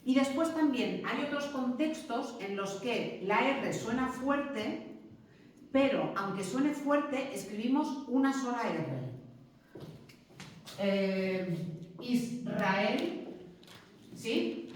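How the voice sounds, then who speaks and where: A woman's voice: on the high side, expressive, slow pace, slight background noise. A woman teacher giving a classroom lecture, explaining step by step and checking in with "¿mm?" and "¿sí?". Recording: very echoey classroom, mic far off.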